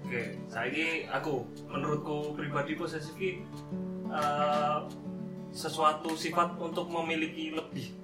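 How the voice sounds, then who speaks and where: A man's voice: on the high side, steady tone, a little slow, recorded from a distance. A man in a casual group chat, playfully chiming in with short remarks. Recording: roomy echo, music behind.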